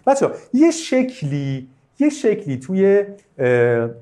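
A male teacher giving a live online biology lesson, asking students questions and praising their answers. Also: high-pitched. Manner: lively, asks students questions, bursts of praise. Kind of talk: live online class lecture.

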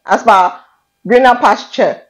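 A woman with a Nigerian Canadian accent hosting a playful accent challenge, teasing her guest and drawing out words as she pronounces them. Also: fairly high pitch. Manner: teasing, drawn-out word pronunciations. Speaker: host.

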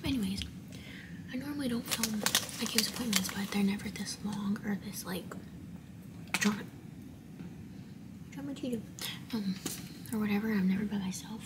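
A young woman with a Texas accent, vlogging in a hushed whisper while waiting alone in a hospital hallway, almost like whispered role-play. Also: mid-range voice, moderate pace, pauses often. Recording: loud background noise.

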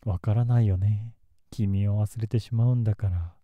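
A man playing a possessive, lovesick young man in an ASMR role-play, speaking softly and close to the mic with quiet, obsessive menace. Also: low voice, steady tone, moderate pace, breathy edge, no echo, phone-quality sound. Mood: menacing, bitter. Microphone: close ASMR microphone in a dry space.

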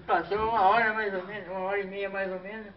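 A man telling a comic story as a clown, animated and full of exaggerated exclamations and sound effects. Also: high voice, normal speed. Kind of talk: comic storytelling duo routine. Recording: distant, dull mic with faint noise.

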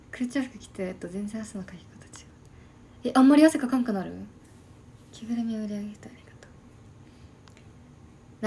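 Woman in her early 20s, casual live-stream chat, soft half-whispered delivery, mellow tone, streaming from home. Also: fairly high pitch, vocal fry, a little hiss or hum. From Shimane, Japan. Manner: soft, quiet, often half-whispered talk. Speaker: livestream host. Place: at home by an open window.

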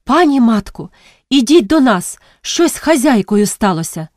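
A woman's voice: a little high, sing-song, normal speed, a little mellow, no echo, voice pushed up. A woman voicing a frightened young servant girl who pleads breathlessly, close to tears, in an audiobook reading. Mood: panicked pleading. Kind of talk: audiobook character voice.

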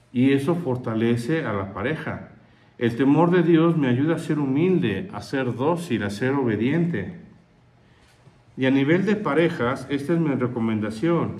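Conversational priest preaching with humor. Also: male voice, mid-range voice, a little mellow. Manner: conversational, humorous, asks the audience questions. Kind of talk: sermon with anecdotes.

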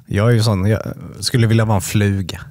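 A man's voice: lowish voice, steady tone, a little mellow, no room sound, clean studio sound. A man co-hosting a podcast, ranting bluntly in casual chat. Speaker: podcast co-host.

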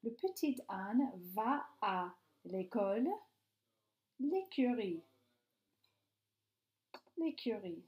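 A woman teacher reading phonics exercises aloud, saying each word slowly and repeating it three times, sounding words out syllable by syllable. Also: fairly high pitch, expressive, dull audio.

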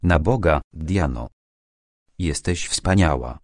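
A man voicing a bold country gentleman who speaks in loud exclamations, in an audiobook. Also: very deep voice, lively intonation, slow, no room sound, clean studio sound, full character voice. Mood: exclaiming. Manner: exclaiming, admiring.

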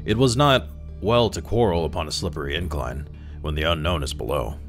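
A man calmly reading a classic short story aloud as narrator. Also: extremely low pitch, brisk, faint music behind. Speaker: story reader.

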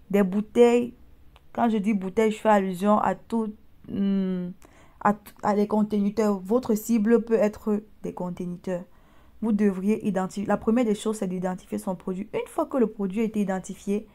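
A woman's voice: mid-range voice, a little mellow. A young woman with a mid-range voice talks the listener through a screen-recorded tutorial. Her colours a chatty, teasing delivery full of direct asides to the viewer. The voice-over has the close sound of a phone or desktop mic. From Cameroon. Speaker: online business vlogger.

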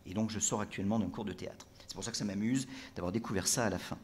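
A man's voice: lowish voice, very fast, a little mellow, a little hiss or hum. Hesitant man giving a library book talk. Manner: hesitant, many fillers and restarts. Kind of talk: public talk, reading extracts aloud. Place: library lecture room.

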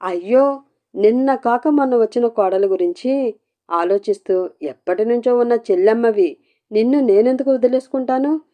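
A woman's voice: on the high side, moderate pace, lo-fi sound, voice pushed up, natural voice. Woman doing a sweet-talking mother-in-law. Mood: cajoling. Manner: cajoling.

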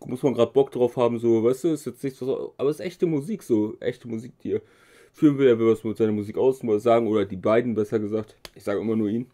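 A man with a dark, mellow voice reacts to a rap song in a relaxed, slangy way. He rambles a little and fills pauses with hesitation sounds. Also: mid-range voice. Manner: slangy, loose, lots of filler sounds. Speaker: music reaction host. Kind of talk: casual reaction commentary.

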